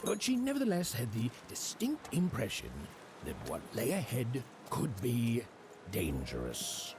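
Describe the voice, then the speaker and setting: An actor playing an arch, measured storybook narrator in a video game. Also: male voice, mid-range voice, wildly swooping pitch, noisy background. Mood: wry, ominous. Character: wry, theatrical storybook narrator.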